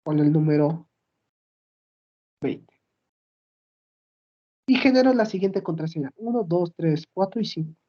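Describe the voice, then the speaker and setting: Woman walking through a software demo. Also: on the low side, animated, unhurried, long pauses, lo-fi sound. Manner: explains step by step, checks in with "¿sí?". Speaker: student presenting a project. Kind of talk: screen-recorded software demo.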